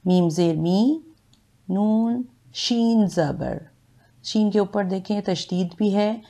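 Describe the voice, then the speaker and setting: Female Quran teacher, Pakistani Urdu accent; very slow, patient drilling delivery with a gravelly edge. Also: medium pitch, warm tone. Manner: patient, drawn-out syllable drills. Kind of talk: slow step-by-step pronunciation lesson.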